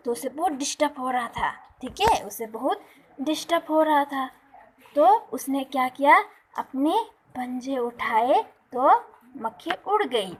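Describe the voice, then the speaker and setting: A woman teacher reading a storybook lesson aloud to young pupils, explaining each line and asking the class questions. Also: sits high.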